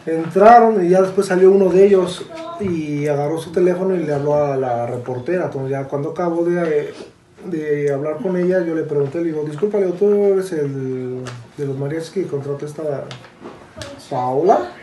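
A woman recounting events in relaxed casual chat, going through each conversation step by step. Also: sits low, moderate pace, echoey room. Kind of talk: casual storytelling.

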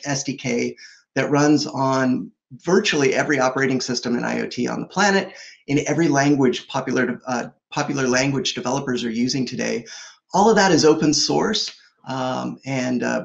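Speaking briskly at a medium pitch with vocal fry, this man in his forties gives a conversational tech keynote over a video call from his home office. A product executive guest, he explains products fluently and upbeat, with frequent fillers, through a webcam mic and dull audio.

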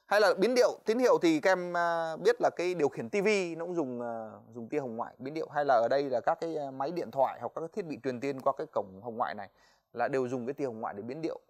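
Guy teaching physics on tv, talks fast, lots of "uh" and "right?". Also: medium pitch. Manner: quick, chatty, stops often on "đấy" and "ờ"; addresses students directly, asks "right?". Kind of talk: televised exam-review lecture.

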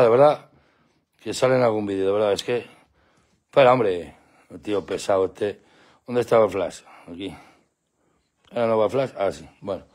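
A man hosting a casual live stream with his dogs outdoors at night, talking into a handheld phone and calling to the dogs in a playful, coaxing way. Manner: coaxing, playful, breaks into high excited calls to the dogs. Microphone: phone held in hand.

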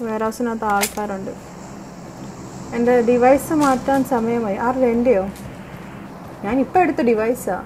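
A woman's voice: a little high, measured pace, pauses often, noisy background. Chatty woman streaming a game. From Kerala. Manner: chatty and teasing, talks to viewers and teammates. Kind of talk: live gameplay stream chat.

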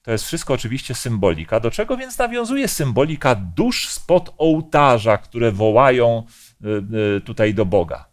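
A man's voice: mid-range voice, big pitch swings, normal speed. A man leading a Bible study discussion, explaining passages and asking the group questions.

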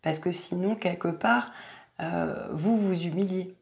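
A woman giving an astrology card reading, talking gently and hesitantly with many fillers. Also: on the low side, measured pace, creaky. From France. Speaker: tarot card reader.

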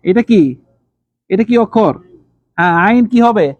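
A man teaching Arabic letters to a class, calling on students by name and repeating letter sounds slowly. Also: high voice, dry recording, muffled recording.

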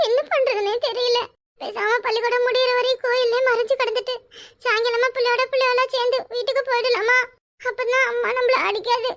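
Squeaky little cartoon schoolboy, kanyakumari accent, whiny and pleading, fast. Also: female voice, flat delivery, a bit bright. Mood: fretful. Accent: Kanyakumari Tamil. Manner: pleading, fretful. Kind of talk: cartoon voice acting.

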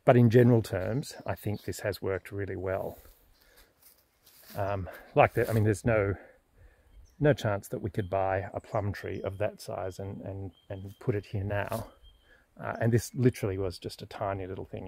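A middle-aged man with an Australian accent talks through his vlog outdoors in an orchard garden. His voice sits low and carries a gravelly edge. He speaks in a measured, thoughtful way, with plenty of ums and restarts. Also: dark tone. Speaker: smallholder vlogger. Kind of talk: casual explanatory vlog.

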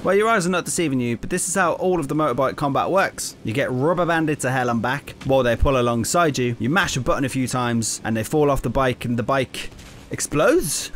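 A man's voice: mid-range voice, a little fast, a bit bright, a little hiss or hum. A young man giving sarcastic, exasperated, sweary commentary as a video game reviewer.

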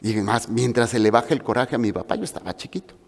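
A man preaching a sermon with a Mexican Spanish accent, telling stories in an animated way and acting out the voices of the people in them. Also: mid-range voice, fast talker, vocal fry. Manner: animated storytelling with acted-out voices. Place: church hall. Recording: long reverb of a large hall.

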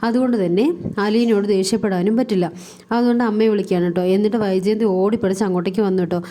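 A woman recounts a TV serial's plot in a quick, chatty stream, her words tumbling out fast. Her tone is mellow and soft-edged, and her talk is loose and casual, sprinkled with fillers and tag words. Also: mid-range voice, fairly even intonation. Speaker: serial review vlogger.

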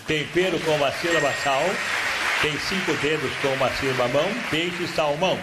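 Um homem brasileiro apresentando um programa de auditório ao vivo, lendo pistas devagar e provocando as participantes. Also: male voice, on the high side. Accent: Brazilian Portuguese. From Brazil. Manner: reads clues slowly, teasing contestants. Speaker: game show host. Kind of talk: live TV game show hosting. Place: TV studio with live audience. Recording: clear background noise from a TV studio.

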